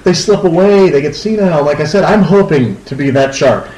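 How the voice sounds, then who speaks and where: A man co-hosting a casual podcast chat, talking haltingly with lots of fillers and restarts. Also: a little high, darkish tone, roomy sound, poor audio. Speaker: podcast co-host.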